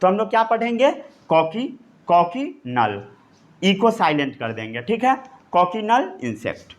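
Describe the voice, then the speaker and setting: A man teaching a science lesson in Hindi, stopping often to dictate key terms slowly so students can write them down. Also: high voice, very animated. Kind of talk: classroom lecture.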